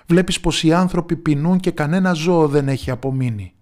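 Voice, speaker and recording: A man's voice: medium pitch, close to an everyday voice. A man voicing a kind, just village lord in a folktale, troubled and raising his voice in alarm. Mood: agitated. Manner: troubled, pleading, raises his voice.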